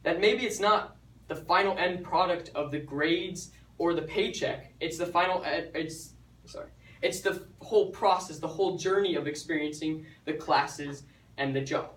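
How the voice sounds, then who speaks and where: A man's voice: fairly high pitch, normal speed, fairly bright tone. Young man in an echoey hall. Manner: chatty, joking, stumbles over words. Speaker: student speaker. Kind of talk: nervous student talk. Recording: echoey hall, mic far off.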